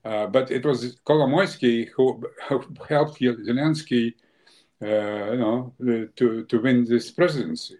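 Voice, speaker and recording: An older man, born in Ukraine and arrived from Russia, answers interview questions as a guest. His mid-range voice is darkish and measured in pace, and he sounds hesitant, with many fillers and restarts.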